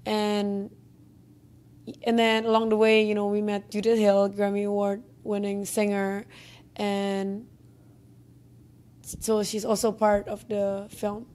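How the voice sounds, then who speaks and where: A young Indonesian-accented film director answers interview questions indoors in an office conference room, speaking into a handheld mic with many fillers and restarts. Her mid-range, darkish voice is completely flat and slow, and she pauses often.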